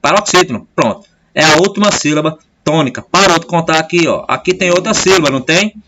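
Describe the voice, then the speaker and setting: Patient male teacher explaining slowly. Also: on the high side, background noise. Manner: patient, repeats tag questions like "certo?" often. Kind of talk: video lesson.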